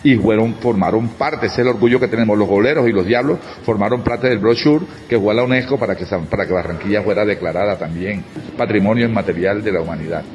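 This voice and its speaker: A man from Colombia with a Caribbean coastal accent gives an interview in a slightly low voice. His speech is informal, and the recording is muffled and lo-fi. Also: fast, darkish tone, soft background music. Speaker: carnival festival founder, interviewee.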